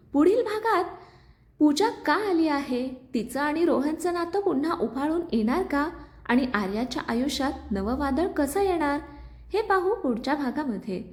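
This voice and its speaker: A woman telling a family drama story in a dramatic narration style that builds suspense. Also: high-pitched. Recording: roomy echo.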